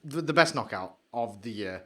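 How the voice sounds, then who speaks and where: A man co-hosting a podcast, chatting excitably and rambling, trailing off into mumbles while he searches. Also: medium pitch, moderate pace. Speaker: podcast co-host. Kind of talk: casual chat.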